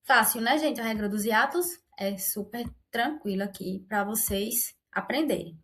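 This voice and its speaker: A woman's voice: fairly high pitch, measured pace, a bit bright. A woman teaching an online grammar lesson, explaining patiently and often checking in with her viewers.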